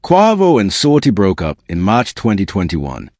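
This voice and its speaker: A man's voice: on the low side, huge pitch swings, moderate pace, a little mellow, no room sound, studio quality. A man hosting a scripted celebrity gossip exposé, using hip-hop slang in a smug, sarcastic, incredulous manner. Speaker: gossip show host.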